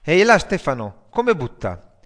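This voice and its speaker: A man voicing a crude, joking male newsagent who loves rock, talking in loud banter. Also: on the high side, huge pitch swings, a little slow, exaggerated voice.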